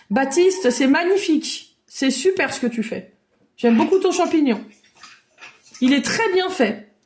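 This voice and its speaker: A woman leading an online drawing workshop for children, guiding them with lively, encouraging make-believe storytelling over a video call. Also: a little high. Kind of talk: playful storytelling drawing lesson for kids.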